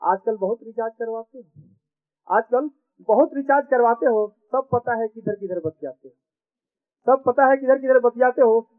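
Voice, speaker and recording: A man's voice: very high-pitched, normal speed. A man voicing a nosy male CCTV camera that scolds in sing-song rhymes and repeats each warning twice, on a tinny recording. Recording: tinny phone-like sound.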